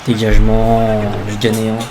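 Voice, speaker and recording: A man's voice: on the low side, completely flat delivery, normal speed, a crowd in the background. A man doing play-by-play wrestling commentary on a video game match, reacting to each move with exclamations. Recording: clear background noise.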